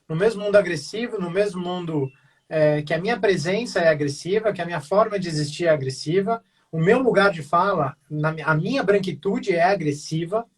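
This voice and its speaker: A man's voice: high voice, breathy edge, far from the mic. A man on a video call panel, speaking earnestly and rambling with many fillers and restarts. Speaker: mediation facilitator. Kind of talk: casual online panel talk.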